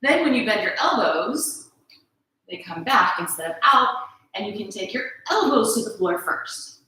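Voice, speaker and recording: A woman teaching a yoga flow in a bright, clear voice. She calls out poses calmly and encouragingly, often checking in with the class. The sound rings through a very echoey room. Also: mid-range voice, normal speed. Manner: calm, encouraging cues with frequent "right?" check-ins. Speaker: yoga instructor. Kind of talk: guided yoga class instruction.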